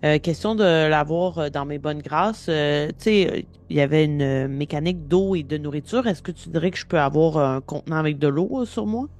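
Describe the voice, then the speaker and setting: A man's voice: on the high side, fairly quick, hardly any pauses, a little mellow. A man playing a tabletop game, casually thinking aloud about his moves. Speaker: player.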